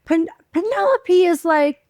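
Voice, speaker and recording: A woman's voice: very high voice, unhurried, dry recording. Woman, podcast co-host, casual chat, laughs a lot, dry close sound. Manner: giggly, animated, laughs often.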